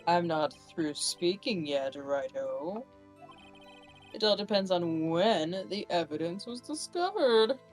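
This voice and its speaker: A woman's voice: on the low side, lively intonation, slow pace, soft background music. A woman voicing a smug, jovial middle-aged male police chief in a fan game playthrough, drawing out her lines in a teasing way.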